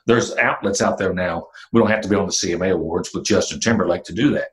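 A man of fifty talks about his music career in a casual interview. His voice sits very low. He rambles easily, with plenty of "uh" and "you know" and the odd mild curse. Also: fast, poor audio. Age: 50s. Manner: relaxed storytelling with fillers and mild cursing. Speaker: country singer-songwriter.

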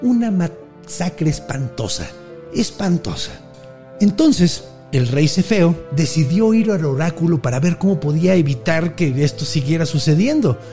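A man with a Mexican accent casually retelling a Greek myth on a podcast, slangy, animated and jokey. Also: on the high side, normal speed, hardly any pauses, faint music behind. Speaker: podcast storyteller. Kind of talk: casual mythology storytelling.

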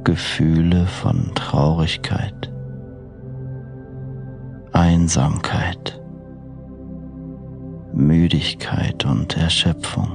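A man narrating a sleep meditation like a bedtime storyteller, hushed and unhurried, with long pauses between short phrases. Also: sits low, creaky. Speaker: podcast host and meditation narrator.

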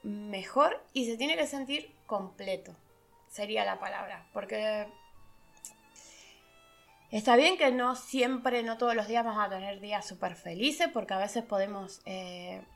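A woman's voice: medium pitch, unhurried, gravelly, faint music behind. A middle-aged woman, talking casually as a podcast host, laughing and acting out the voices of people she quotes. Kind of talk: casual reflective monologue.

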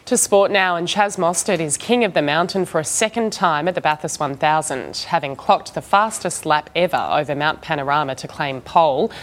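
A woman's voice: sits low, a little hiss or hum. A woman with an Australian accent presenting a scripted news bulletin.

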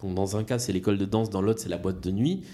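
A man's voice: fairly low pitch, fast, mellow. A man from southern France hosting a casual podcast chat, talking with frequent hesitations. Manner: hesitant, many fillers.

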